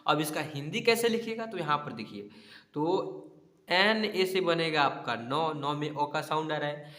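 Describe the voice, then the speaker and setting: Echoey male teacher spelling words slowly. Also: a little high, lively intonation, a bit bright. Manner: slow syllable-by-syllable spelling, frequent "ठीक है?" checks. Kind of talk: spelling lesson over a screen.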